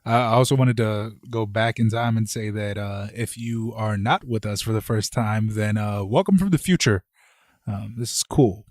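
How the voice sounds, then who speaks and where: A young man co-hosting a comedy podcast, joking in a deadpan way. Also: fairly low pitch, moderate pace, no room sound, studio quality. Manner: jokey, deadpan banter. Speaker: podcast co-host. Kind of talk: casual comedic chat.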